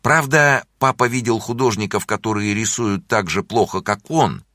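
Deep-voiced man narrating a children's story. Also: normal speed, dry recording, studio quality. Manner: expressive, playful storytelling.

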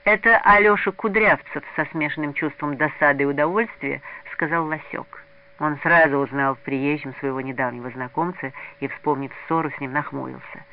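A man reading a story aloud in an expressive way. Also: mid-range voice, brisk, gravelly, a little hiss or hum. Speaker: narrator. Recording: narrow lo-fi radio recording.

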